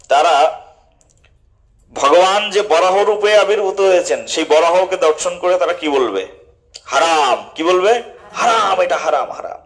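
A male preacher delivers a devotional sermon in a fairly high voice. He keeps asking his listeners questions and answering them himself, and he slows down to stretch out the key words.

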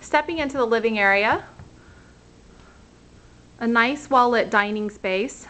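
Bright-voiced woman agent touring a condo. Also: fairly high pitch, measured pace. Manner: upbeat, pointing things out room by room. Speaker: real estate agent. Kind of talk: walkthrough narration of a rental tour. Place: outdoors at a front door, then walking through an empty condo.

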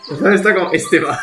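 A man from streaming a video game live, talking to himself in exasperated bursts and swearing as he plays. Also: on the high side. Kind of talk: live gameplay commentary.

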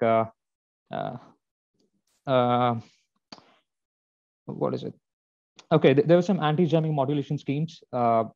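On a video call, a man with a mid-range, somewhat mellow voice asks technical questions in a casual discussion. He sounds hesitant, uses lots of fillers, and agrees politely. The call audio is dull and lo-fi.

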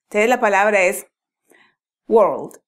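A woman's voice: mid-range voice, moderate pace. A young woman giving a casual pronunciation lesson, explaining patiently step by step with frequent restarts. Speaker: pronunciation teacher.

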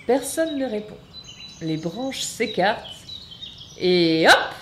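A woman narrating a children's stage story in a slow, expressive, sing-song way. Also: mid-range voice, a little hiss or hum.

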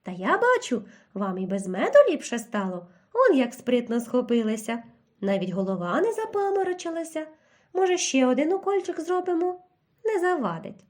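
A woman voicing an old male hedgehog doctor who speaks politely and calmly, with a quietly mocking edge. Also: sits high, normal speed. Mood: calmly sly. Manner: polite, calm, gently mocking.

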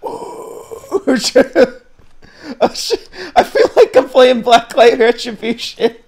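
Young guy doing let's play commentary, gravelly, slow, pitch all over the place, jokey. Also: lively intonation, a little mellow. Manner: joking, laughs often, playful. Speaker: gamer playing a game for a recording.

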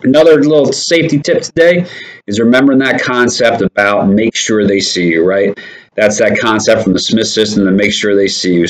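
A man's voice: fairly low pitch, low-quality recording. A man hosting a casual company safety update, upbeat and encouraging, who often checks in with "right?".

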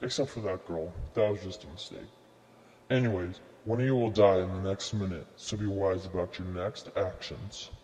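A man voicing a mocking tape recorder villain with slow, theatrical menace in an amateur horror parody. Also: low-pitched, steady tone, a little mellow, close to an everyday voice. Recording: long hall reverb, faint noise.

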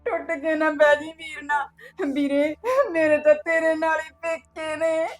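Brief: actress as emotional young married sister, high-pitched, tearful. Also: female voice, normal speed, a loud crowd, natural voice. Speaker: married sister welcoming her brother. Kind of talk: village drama acting.

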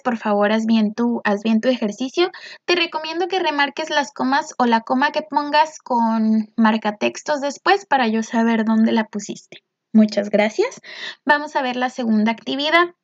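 A woman teacher, explaining step by step in a patient way, with a somewhat high voice. The recording is dry and a little dull, with a lo-fi sound. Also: gravelly, no echo. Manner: patient, explanatory, with frequent "entonces" and "¿ok?". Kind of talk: recorded classroom lesson.

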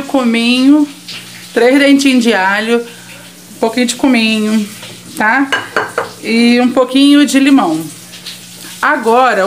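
A Brazilian woman hosting a casual cooking vlog in her home kitchen, chatting warmly with her viewers as she cooks. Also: fairly high pitch. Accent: Brazilian Portuguese. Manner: affectionate, chatty, addresses viewers as "minha gente". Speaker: vlogger. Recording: noisy home kitchen audio. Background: frying and sizzling in the kitchen.

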